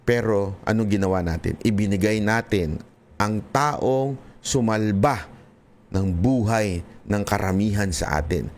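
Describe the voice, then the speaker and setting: This impassioned vlog features a Filipino political commentator talking earnestly to his viewers, switching back and forth between Tagalog and English and frequently restarting. He has a fairly low voice, talks a little slowly, and there's slight background noise.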